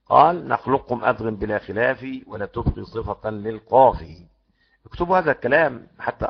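Man, Egyptian Arabic accent, recitation teacher, gravelly voice, muffled lo-fi sound. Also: mid-range voice. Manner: animated, demonstrates sounds repeatedly, asks the class questions. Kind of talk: lecture on tajweed rules. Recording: muffled lo-fi recording.

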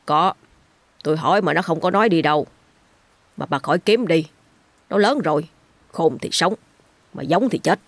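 A woman voicing a gruff, dismissive village husband. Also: low-pitched, normal speed, long pauses, no echo. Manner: dismissive, curt.

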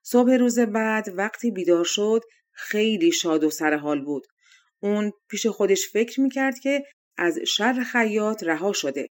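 A woman narrating a fairy-tale audiobook in an expressive, lively reading style. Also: medium pitch.

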